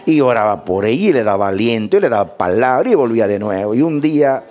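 A male pastor preaching a sermon with passion, swinging between shouted lines and hushed asides. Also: mid-range voice, expressive, fast.

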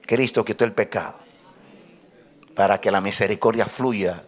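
A man preaching a sermon to a congregation, swinging from loud shouts down to hushed whispers. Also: on the low side, moderate pace. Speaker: pastor. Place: church.

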